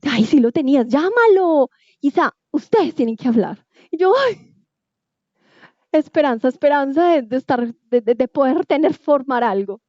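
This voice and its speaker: A high-voiced woman with a Colombian Spanish accent tells a personal faith testimony with emotion, acting out her conversations in shifting tones. Her voice sounds mellow. The recording is muffled and dry. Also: expressive, no echo. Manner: emotional, acts out dialogue with quick shifts in tone. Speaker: testimony speaker.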